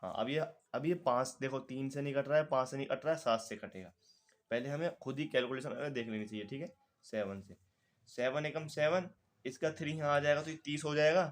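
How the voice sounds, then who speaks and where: A man's voice: mid-range voice, a little fast. A man with a Hindi accent leads a step-by-step math lesson in a mid-range voice. He is patient and talks through every calculation aloud as he works. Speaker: math teacher.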